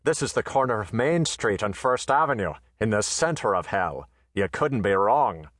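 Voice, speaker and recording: A man doing a soft-spoken, wry frontier tough. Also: fairly low pitch, animated, moderate pace, no room sound. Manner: soft-spoken, dry and understated. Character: calm, wry, dangerous male western chore boy.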